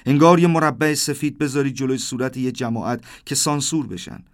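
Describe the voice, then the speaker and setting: Man in his thirties telling a story. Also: medium pitch. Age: 30s. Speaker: narrator. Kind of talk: storytelling narration.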